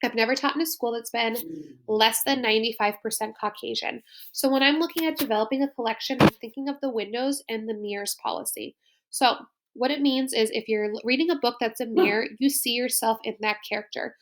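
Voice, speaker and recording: A woman's voice: on the high side, fairly quick, noisy background. A woman school librarian narrating a slide presentation in an upbeat, explanatory way.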